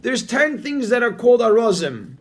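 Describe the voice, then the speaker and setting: In a Talmud lesson, a male teacher explains the text in an extremely high, sing-song voice at normal speed. He repeats key phrases over and over and energetically calls on his students.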